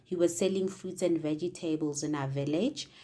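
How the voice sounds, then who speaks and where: A young South African woman, an internal auditor whose first language is Sepedi, answers interview questions about her career in a low, steady voice at a moderate pace. She responds earnestly and thoughtfully, often using small fillers as she reflects.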